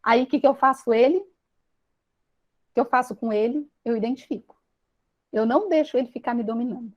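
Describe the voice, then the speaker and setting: A high-voiced Brazilian woman with a Brazilian Portuguese accent gives a personal self-help teaching talk to an audience. She is earnest and confessional, with restarts and tender pauses, and the lo-fi recording sounds slightly dull.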